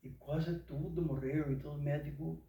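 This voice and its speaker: An older man recounts his story in a relaxed, mellow voice, devout and folksy in his exclamations. He sounds distant from the mic, in a room with a lot of echo. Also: a little high, normal speed. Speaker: interviewee. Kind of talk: casual storytelling. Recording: echoey room from far off.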